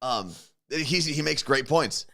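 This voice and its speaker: A man's voice: mid-range voice, lively intonation, slow pace, creaky, bright, forceful tone. A man in his forties co-hosting a morning radio show, chatting casually and laughing often. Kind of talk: casual chat.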